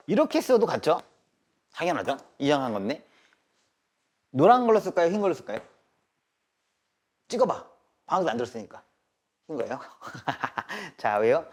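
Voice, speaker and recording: A male math teacher giving a live classroom lecture. He keeps asking students quick questions and drills them with check-ins, mixing polite and casual speech. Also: mid-range voice, a little mellow.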